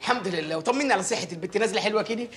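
A man playing a boastful, fussy Egyptian village mayor in a film comedy, with an Egyptian accent and a rapid, excitable way of complaining. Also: sits high. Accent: Egyptian Arabic.

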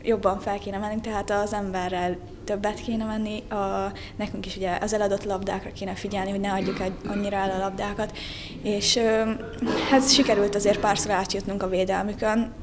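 Casting: young female player in post-match interview, monotone, mid-pitched, noticeable background noise. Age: young adult. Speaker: football player. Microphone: handheld interview microphone. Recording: clearly noisy background ambience.

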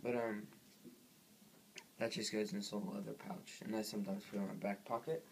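Young man, casual rambling vlogger, phone-recorded with steady hiss. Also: lowish voice, a little fast, creaky. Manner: rambling, filler-heavy. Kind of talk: casual vlog chat.

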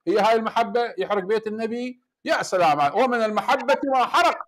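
High-voiced Iraqi man, insistent debater. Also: lively intonation, fast, a bit bright. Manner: insistent, hammering repeated rhetorical questions. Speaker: debate show host. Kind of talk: heated call-in debate.

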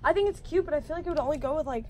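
A woman's voice: high voice, racing, warm tone. A teenage girl chatting casually while filming a shopping vlog on a handheld phone in a large store, joking and saying "like" a lot. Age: teens. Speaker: vlogger. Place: large retail store, indoors. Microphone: handheld phone at arm's length.

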